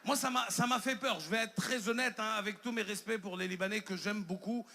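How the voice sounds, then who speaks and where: Man with an ivorian french accent doing stand-up, acts out voices, bright and high. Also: a little fast, vocal fry, slight background noise. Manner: animated storyteller, jumps into quoted voices. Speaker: stand-up comedian. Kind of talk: stand-up comedy. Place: stage in a theater.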